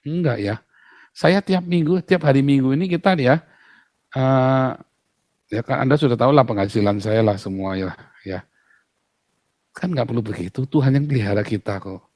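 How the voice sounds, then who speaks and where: A man's voice: medium pitch, normal speed, pauses often, a little mellow, dry recording. Emphatic man pastor, dry close sound. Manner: emphatic, full of rhetorical questions. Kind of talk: outspoken casual talk.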